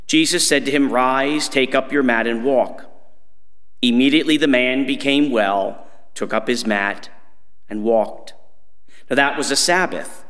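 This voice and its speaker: A priest reading the Gospel at Mass in a measured, solemn way, his voice carrying a cathedral echo. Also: mid-range voice, fairly bright tone. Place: large church. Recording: long church reverb.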